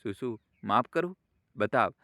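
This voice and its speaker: A man voicing a remorseful, quick-tempered middle-aged son who talks urgently, in an audio story. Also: medium pitch, expressive, vocal fry, sharp tone, no echo, studio quality. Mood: angry.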